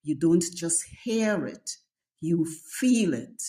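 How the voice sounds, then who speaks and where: A woman with a Trinidadian Caribbean accent, teaching slang as a scripted lesson in a measured, deliberate storytelling delivery. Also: on the low side, lively intonation, mellow. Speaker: dialect teacher, host.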